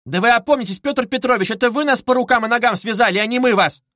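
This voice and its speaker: A man's voice: very high-pitched, quick pace, pushed and bright, no echo, clean studio sound, pitched above the performer's own voice. A man voicing an indignant older mother. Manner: agitated, exclaiming. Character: indignant older mother, quick to take offence.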